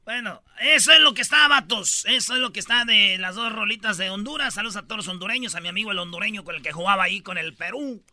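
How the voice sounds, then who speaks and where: A man with a Mexican accent hosting a comedic radio show, full of slang and shout-outs to listeners. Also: high-pitched, fast, few pauses, no echo. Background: loud music bed.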